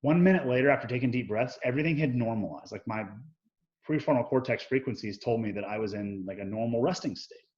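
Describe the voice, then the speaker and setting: A man's voice: mid-range voice, quick pace, dull audio. A man speaking as an interview guest, telling personal stories candidly, swearing freely and acting out bits of remembered dialogue. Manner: profane, animated, acts out quoted dialogue.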